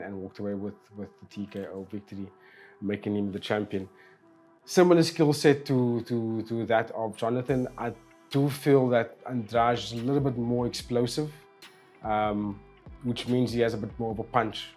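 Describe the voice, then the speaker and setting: A man with a somewhat low voice talks through an upcoming fight card in a loose, chatty way, often circling back and repeating himself. Faint music plays underneath. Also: darkish tone. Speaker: host. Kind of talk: casual fight preview monologue.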